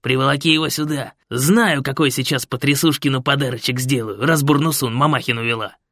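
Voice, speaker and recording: A man's voice: medium pitch, fairly even intonation, brisk, vocal fry, fairly bright tone, no echo, clean studio sound. A male reader voicing Fred, a brash, jovial biker designer who talks in slang and bosses everyone around. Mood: boisterous. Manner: slangy, bossy and boisterous. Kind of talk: audiobook character voice.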